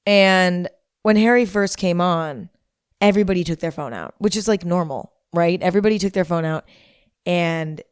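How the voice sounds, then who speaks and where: Hungover female podcast host, young adult, rambling casually in a lowish register, close dry sound. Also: darkish tone, clear, resonant tone, dry recording. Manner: repeats herself for emphasis.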